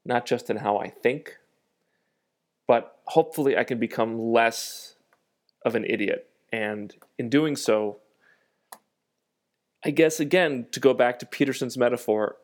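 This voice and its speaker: He hosts a podcast by himself, his nasal voice sitting in the mid range as he thinks aloud in a reflective, self-deprecating manner with lots of pauses.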